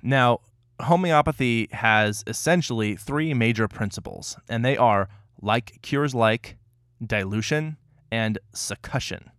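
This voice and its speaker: A man co-hosting a podcast, explaining a topic in a measured, slightly wry casual chat. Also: mid-range voice, fairly bright tone, no echo, clean studio sound. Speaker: podcast co-host.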